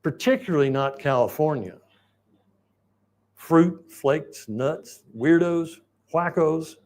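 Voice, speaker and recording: Guy in his 60s preaching, chatty and rambling, keeps clearing his throat. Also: a little high, slow, a little mellow. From Oklahoma, United States. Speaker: pastor. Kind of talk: conversational sermon storytelling.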